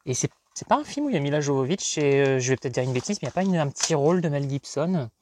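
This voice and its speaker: A man in his thirties from France, talking casually about his finds in a rambling way, questioning himself and breaking into bursts of excitement. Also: fairly high pitch, racing, a little hiss or hum. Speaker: collector vlogger. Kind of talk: casual unboxing commentary.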